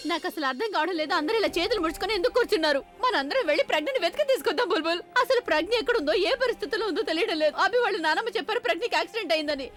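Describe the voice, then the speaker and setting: A woman's voice: very high voice, big pitch swings, racing, few pauses. A frantic, distraught mother. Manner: pleading, agitated. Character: anxious middle-aged mother, distraught. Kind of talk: dubbed TV serial drama.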